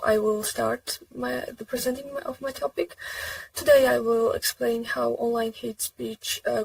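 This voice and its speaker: A woman giving a prepared academic presentation over a video call, with a halting, deliberate delivery. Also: fairly high pitch, creaky, slight background noise. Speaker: conference presenter. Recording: distant mic on video call.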